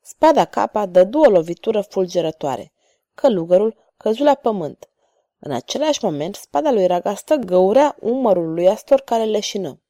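A woman reads a swashbuckling novel aloud with expressive, animated intonation. Her voice is warm and mellow, recorded close and dry with no room sound. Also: medium pitch, dry recording. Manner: expressive, voices every character. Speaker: narrator. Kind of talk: audiobook reading of an adventure novel.

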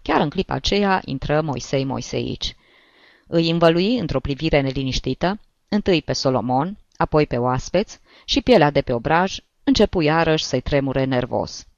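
A male narrator reading a classic story aloud in a measured, expressive way, his pitch moving in a lively range. The recording is close and dry, with a dull, lo-fi tone. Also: creaky, no room sound. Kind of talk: audiobook narration.

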